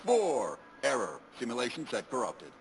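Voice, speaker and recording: A man's voice: mid-range voice, huge pitch swings, moderate pace. A man voicing a glitching male computer terminal in a game that reads menu options stiffly and breaks into error loops. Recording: game audio under loud background noise.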